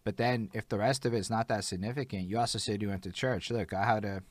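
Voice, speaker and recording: A man's voice: fairly low pitch, steady tone, quick pace, no room sound. A man from Montreal hosting a casual interview, talking in an enthusiastic and conversational way. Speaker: podcast host.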